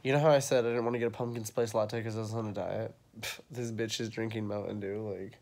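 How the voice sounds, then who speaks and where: A young man with a head cold vlogs his day, his congested voice fairly low, steady and darkish, with vocal fry and a quick pace. He rambles, exclaims and swears freely, first in a car with noisy background sound and later at home.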